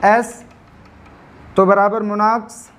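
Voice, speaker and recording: A man teaches English grammar in a high-pitched voice. He spells endings out letter by letter and slows down on them. He keeps asking the class questions and answering them himself. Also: little pitch movement, fairly bright tone. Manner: spells out letters slowly, stresses pronunciation. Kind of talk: classroom lecture.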